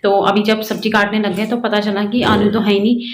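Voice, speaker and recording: A woman's voice: mid-range voice, flat delivery, brisk, slight background noise. A young woman from Garhwal in the hills of northern India, chatting through a home vlog with lots of fillers. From Garhwal, Uttarakhand. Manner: chatty, rambling, many fillers. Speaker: vlogger. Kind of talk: casual vlog narration. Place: home kitchen.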